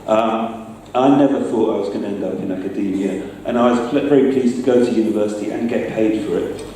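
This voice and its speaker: With a fairly low, warm voice, a middle-aged sound designer stumbles through an informal slideshow talk, pausing partway through phrases. The setting is a large, echoing room full of listeners, recorded from a distance with lots of reverb and some background noise.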